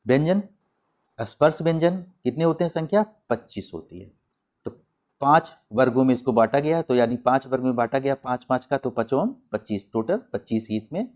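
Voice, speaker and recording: Man, hindi accent, teacher, exam-prep grammar lesson, medium pitch, repeats and drills sounds, asks questions then answers them. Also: a little mellow.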